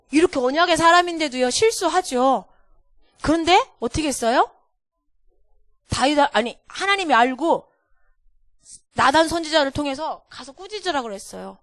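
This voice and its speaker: A woman's voice: high-pitched, no room sound, studio quality. A woman teaching a children's Sunday school sermon, telling a Bible story and constantly quizzing the children.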